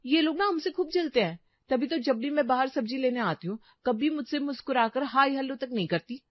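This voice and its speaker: A woman voicing a young gossipy daughter-in-law in a cartoon story, shrill and accusing. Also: lively intonation, brisk, no room sound, lo-fi sound.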